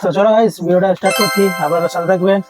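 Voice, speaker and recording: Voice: medium pitch, fairly even intonation, very fast, music in the background. A vlogger chatting casually to viewers during an eating challenge video. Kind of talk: casual vlog chat.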